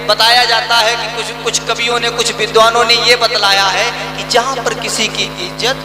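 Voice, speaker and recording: A man preaching a devotional sermon to a village crowd, speaking to them directly and chanting precepts slowly. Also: very high voice. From Uttar Pradesh, India. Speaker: Buddhist preacher and singer. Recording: echoey loudspeaker sound at a distance. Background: music.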